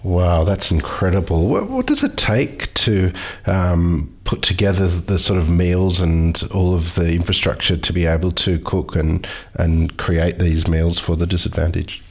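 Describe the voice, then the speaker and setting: A man hosting a food podcast, asking measured questions with fillers. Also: sits low, expressive, darkish tone, breathy edge. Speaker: podcast host. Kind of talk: interview questions.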